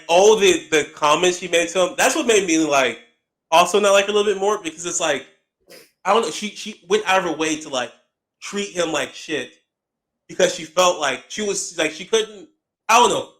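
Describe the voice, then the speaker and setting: Man, podcast co-host, blunt, swears freely, slightly high voice. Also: fairly bright tone. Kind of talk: casual chat.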